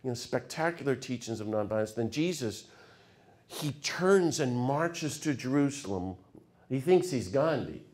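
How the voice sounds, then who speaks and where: A middle-aged man giving a public lecture, telling stories with sudden swings from hushed asides to loud, fired-up passages. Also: medium pitch, expressive, measured pace. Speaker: speaker.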